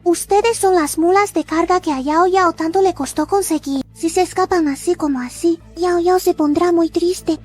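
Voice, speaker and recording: A little anime demon girl with an extremely high voice. She is sugary and cutesy, hiding a deadly streak. Music plays faintly behind her. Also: normal speed, few pauses, a little mellow. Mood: sweetly menacing. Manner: cutesy, refers to herself by name. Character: sweet innocent-seeming little demon girl, secretly deadly.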